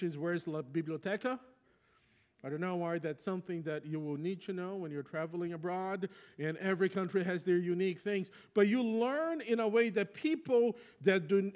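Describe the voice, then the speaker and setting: A Brazilian pastor, a native Portuguese speaker with a Brazilian Portuguese accent, delivers a sermon in a reflective, conversational storytelling style. His voice sits high and sounds a little mellow.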